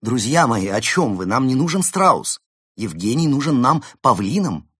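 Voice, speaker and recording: A man voices a resolute fox who leads his friends in a storybook. He speaks firmly and earnestly, slightly above a low husky voice, recorded dry and close. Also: big pitch swings, normal speed, fairly bright tone, no room sound. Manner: firm, earnest. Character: determined male fox leader.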